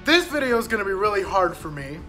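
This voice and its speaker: A man's voice: sits high, big pitch swings, fast talker, bright, forceful tone, faint music behind. A man talking casually for a gaming vlog, nervous, self-conscious and giggly. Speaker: YouTuber.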